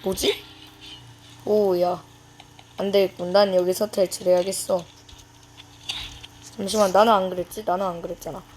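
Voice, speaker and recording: A woman's voice: mid-range voice, level tone, normal speed, pauses often, darkish tone, a little hiss or hum. A woman giving casual, playful commentary to herself while playing a video game. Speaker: gaming YouTuber.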